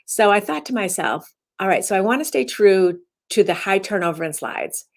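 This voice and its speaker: A woman's voice: mid-range voice, expressive, normal speed, gravelly, a little hiss or hum. A woman instructor giving her daily message as rambling casual talk, often restarting her sentences. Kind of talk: casual self-recorded talk.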